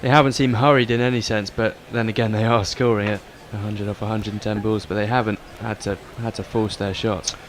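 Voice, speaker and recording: Even, low-voiced male cricket summariser. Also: brisk, few pauses. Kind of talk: conversational tactical cricket analysis. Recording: clear outdoor background noise. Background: outdoor ambience of a cricket ground.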